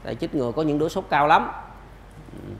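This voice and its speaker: Animated male lecturer in echoey room. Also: on the high side, brisk, creaky, slight background noise. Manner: animated, emphatic, rhetorical questions. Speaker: pediatrics lecturer. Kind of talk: lecture answering questions.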